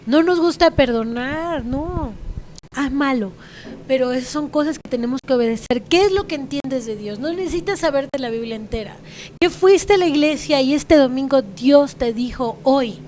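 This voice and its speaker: A woman's voice: high-pitched, a little mellow, a little hiss or hum. A woman with a Mexican accent giving a frank, earnest church testimony in a conversational way. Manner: earnest, frank, laughs at herself.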